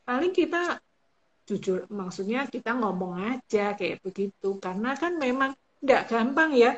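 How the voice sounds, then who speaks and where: Woman counselor talking things through calmly on a live stream, kinda dull lo-fi audio. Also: a little high, a little slow. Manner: patient, explanatory, acts out example phrases. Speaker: family counselor guest. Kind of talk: live-stream advice talk.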